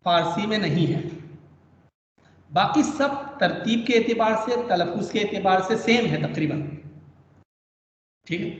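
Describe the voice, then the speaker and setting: Man, language teacher, patient, repeats points, high voice, distant echoey dull call audio. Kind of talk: online language lesson. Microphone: video call.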